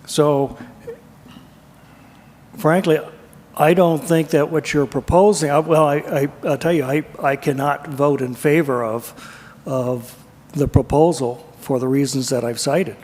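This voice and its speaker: A male council member states his objections firmly and refers to the ordinance. His voice sits a little high. The room adds a long reverb. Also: fairly even intonation, a little mellow. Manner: firm, deliberate, cites the code. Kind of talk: council deliberation.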